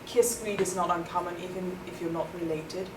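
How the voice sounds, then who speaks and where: A young adult South African woman whose first language is Afrikaans gives thoughtful interview answers full of ums. Her fairly low voice is steady in tone and fairly quick, recorded far from the mic in a noisy, echoey room.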